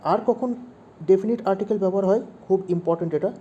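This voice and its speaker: A man's voice: high voice, fast, warm tone, lo-fi sound. A man teaching English grammar to young pupils, asking questions and repeating the main points. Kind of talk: explaining grammar to children.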